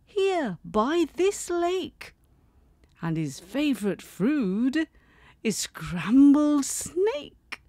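A woman voicing a small, clever, boastful mouse in a high, emphatic voice. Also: sing-song, very slow, warm tone, no room sound, studio quality, full character voice.

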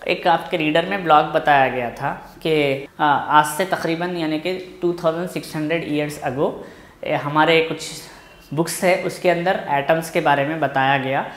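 A man with an Indian English accent teaching a physics lesson in a classroom, reading from the textbook slowly and then explaining in a quick mix of Hindi and English. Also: on the high side, steady tone, fairly bright tone, echoey room. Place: classroom with a board.

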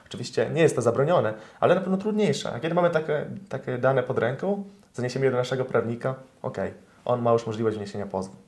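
Young lawyer, interview guest, explanatory delivery with fillers, addresses viewers. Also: male voice, mid-range voice, fast, a little mellow. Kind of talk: interview answers, explaining law.

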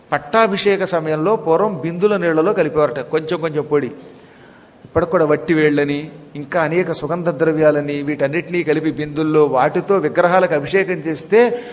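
A man giving a devotional discourse, teacherly and addressing listeners directly, slowly chanting verses and then explaining them. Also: a little high. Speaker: religious discourse speaker. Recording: long hall reverb.

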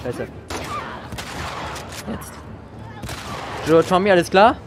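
Sarcastic streamer, high-voiced man, game gunfire and noise underneath. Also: animated, slow pace. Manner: sarcastic self-talk while playing. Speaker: let's play streamer. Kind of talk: gaming commentary. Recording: voice over game sounds.

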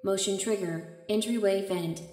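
An actress voicing a flat female automated alert system that reads out clipped status alerts through computer processing. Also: mid-range voice, moderate pace, echoey room, faint music behind.

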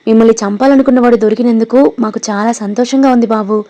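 Give me a loyal, humble working man, read by a woman, fairly high and mellow. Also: fairly even intonation, quick pace, natural voice. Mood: devoted.

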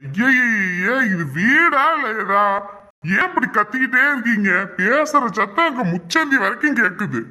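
A woman's voice: on the high side, lively intonation, measured pace, sharp tone, pitched below the performer's own voice. A woman voicing a brusque older father-in-law, drawling and dismissive. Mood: gruff, dismissive. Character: gruff older man, impatient father-in-law.

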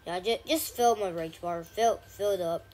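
A woman giving casual gameplay commentary, chatty with frequent ums and sudden excited shouts. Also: fairly low pitch, moderate pace. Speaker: gaming channel host.

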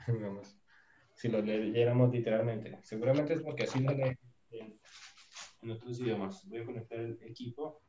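A man teaching Turkish in a live online lesson, explaining patiently and filling pauses with lots of fillers. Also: mid-range voice, highs cut off, crowd noise.

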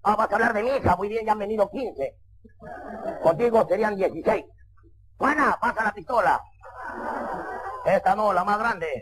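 A Peruvian street comic playing a gruff, menacing father of the bride in a deadpan tone, with a Peruvian accent. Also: high-pitched, moderate pace, pauses often, low-quality recording. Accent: Peruvian Spanish.

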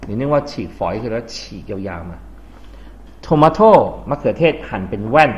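A man's voice: medium pitch, lively intonation, normal speed, dull audio. A man from Thailand teaching English vocabulary to a class, explaining words and quizzing the students. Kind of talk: classroom lesson.

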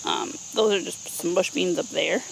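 With a fairly low pitch and vocal fry, a woman in her thirties speaks at a normal speed while giving a casual, playful vlog tour of her backyard vegetable garden. Her delivery is informal, full of playful asides. A handheld camera mic picks her up outdoors along with noticeable ambient noise.

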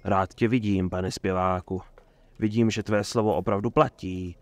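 A man's voice: low-pitched, fairly even intonation, no echo, natural voice. A man voicing a stern male innkeeper who speaks coldly and sarcastically. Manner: cold, sarcastic. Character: stern middle-aged male innkeeper, cold.

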